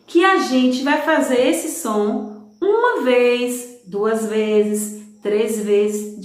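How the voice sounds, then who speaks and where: Slow, sing-song teacher in an echoey room. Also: female voice, sits high. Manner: patient, sing-song, spells out syllables slowly, asks and answers her own questions. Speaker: primary school teacher. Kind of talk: recorded lesson for young children.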